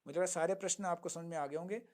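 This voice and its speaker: A man teaching a Sanskrit lesson, chanting verses slowly, then explaining them and answering his own questions. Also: a little high, steady tone. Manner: asks students questions and answers them himself. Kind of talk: online lesson.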